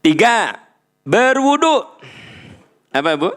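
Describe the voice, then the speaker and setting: Animated middle-aged preacher with Sundanese accent. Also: male voice, sits high, slow pace, soft background music. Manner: animated, playful, acts out little dialogues. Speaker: Islamic preacher. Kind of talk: lively religious lecture.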